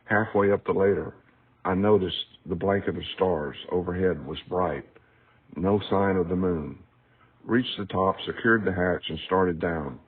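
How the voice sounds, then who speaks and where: An author reads from his own book in a scripted, audiobook-like manner. His voice sits low and is slightly rough, and he takes his time. The audio has a thin, tinny, phone-like quality.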